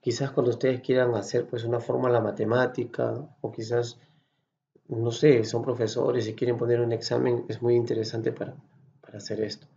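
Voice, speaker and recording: A man from Peru with a Peruvian accent, patiently explaining a software tutorial step by step and checking in with his students. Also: mid-range voice, level tone, normal speed, creaky, highs cut off, a little hiss or hum. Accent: Peruvian Spanish. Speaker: Excel course instructor. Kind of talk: screen-recorded software tutorial.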